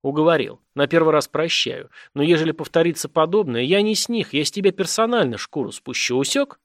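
A man's voice: on the high side, fairly quick, no echo, studio quality, natural voice. A man reading an audiobook, voicing a phlegmatic, contemptuous chief of guards who bullies starving people. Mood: grudging. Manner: sneering, bullying, coarse.

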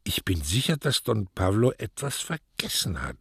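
A man voicing an eager, naive young postman in an audiobook reading, talking high and loud with excitement. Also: moderate pace, husky, no room sound, exaggerated voice. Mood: puzzled.

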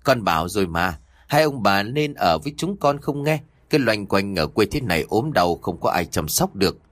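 A worried middle-aged son in a horror audiobook who talks to his parents in an earnest, reproachful way, as a male narrator voices him. The voice is low with lively intonation. The sound is dry and close. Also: normal speed, no echo.

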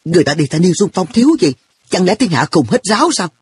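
A man voicing an earnest, quick-tempered schoolboy in a storybook reading, speaking with a raised, indignant boyish tone. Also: on the high side, lively intonation, a little hiss or hum, natural voice.

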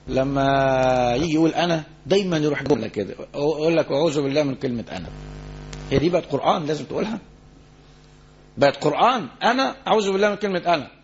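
A man with an Egyptian accent giving a religious lecture, telling the story in a lively way and quoting people as he goes. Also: on the high side, highs cut off, slight background noise. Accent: Egyptian Arabic. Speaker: preacher. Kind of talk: Islamic lecture on the Prophet's biography.

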